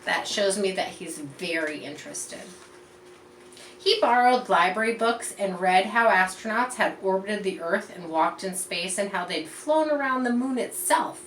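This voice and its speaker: In a storytelling session, a woman of medium pitch reads a picture book aloud to children in an expressive, teacherly style, breaking off to explain and highlight details. The sound is echoey and distant, with faint background noise.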